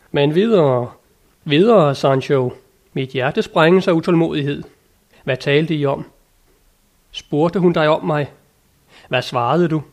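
An eager, lofty old knight from a storybook, full of high-flown devotion, as a male narrator reads him, in a fairly high voice. His speech is grand and old-fashioned, urging and exclaiming. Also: gravelly, darkish tone. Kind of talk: audiobook character reading.

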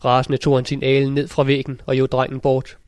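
Man reading a fairy tale, monotone. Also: medium pitch, no room sound. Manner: steady, measured storytelling. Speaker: audiobook narrator. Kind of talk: scripted fairy-tale narration. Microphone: close studio mic.

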